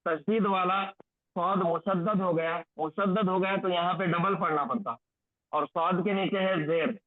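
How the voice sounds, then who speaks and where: High-voiced man teaching over a tinny line. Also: no echo. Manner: slow, repetitive drilling of recitation phrases. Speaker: Quranic Arabic grammar teacher. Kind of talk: online lesson, explaining and drilling recitation. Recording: tinny phone-like lo-fi audio, dry.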